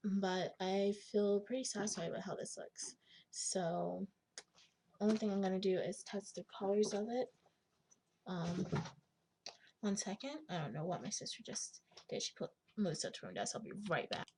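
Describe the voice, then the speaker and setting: A young woman with a raspy smoker's voice giving a casual screen tutorial, thinking aloud in informal, slangy speech and often clearing her throat. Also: mid-range voice, normal speed, dark tone, a little hiss or hum. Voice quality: husky smoker's rasp with gravelly creak. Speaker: digital art tutorial host.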